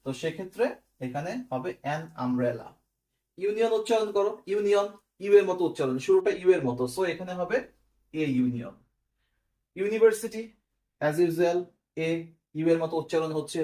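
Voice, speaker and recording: A fairly high-pitched, slightly mellow male voice leads an English grammar class recorded online. Breaking things down step by step, he tosses out quiz questions and asks "clear?" to confirm students understand.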